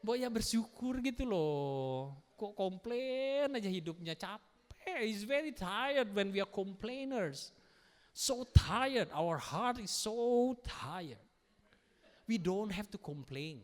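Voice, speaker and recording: A male pastor preaching in a playful, animated way, slipping English into his sermon. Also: high voice, slow. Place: church hall. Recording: long reverb church hall.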